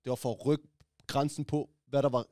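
A young man co-hosting a casual podcast, talking in a lively, slangy way and often acting out what others said. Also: mid-range voice, no echo, clean studio sound.

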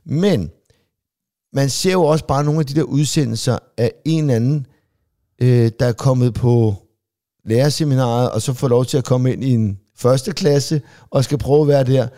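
Mellow-voiced joking man. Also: mid-range voice. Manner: joking, quick agreeing interjections. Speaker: podcast co-host, comedian. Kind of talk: casual chat.

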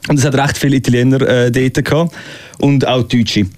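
A man's voice: medium pitch, fairly even intonation, fairly quick. A man from Switzerland with a Swiss German accent, telling stories in a casual chat.

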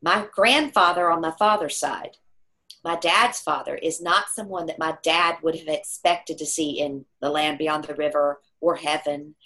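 A woman's voice: deep voice, unhurried. A middle-aged woman telling a personal story in conversation, acting out the voices of the people she quotes. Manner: animated storyteller who acts out quoted voices.

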